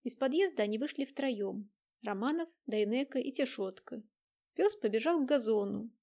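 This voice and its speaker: A woman reading an audiobook in an even, measured narration. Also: a little high. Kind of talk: scripted narration.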